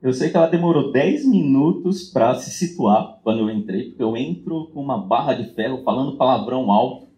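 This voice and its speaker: A man's voice: mid-range voice, expressive, a little fast, dark tone, slight background noise. A man sharing a personal story in a group meeting, reflective and casual, with frequent filler tags and restarts. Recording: roomy echo.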